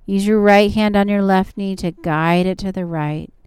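A woman's voice: medium pitch, steady tone, normal speed, darkish tone, clear, resonant tone, no echo. A woman yoga instructor leading guided stretching and relaxation in a soothing, encouraging manner. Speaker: yoga instructor and show host.

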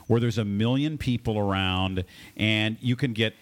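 A man's voice: fairly low pitch, normal speed. A man hosting a radio talk show in a casual, chatty style.

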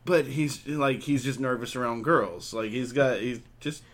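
A man's voice: mid-range voice, a little slow, slight background noise. A man chatting casually as a podcast co-host, rambling with lots of fillers and laughing often. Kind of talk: casual chat.

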